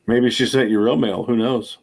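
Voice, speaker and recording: This casual livestream chat comes from a self-deprecating host in his forties who rambles on and cusses freely. His voice is mid-range and gravelly with a breathy edge, delivered at a moderate pace with fairly even intonation.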